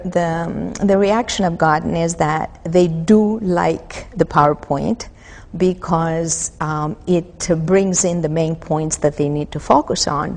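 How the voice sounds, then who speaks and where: A woman in her fifties from Greece, a mythology instructor answering interview questions thoughtfully, pausing often with fillers. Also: fairly low pitch, a little mellow, big-room sound. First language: Greek. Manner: thoughtful, many pauses and fillers. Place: empty auditorium. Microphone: lapel.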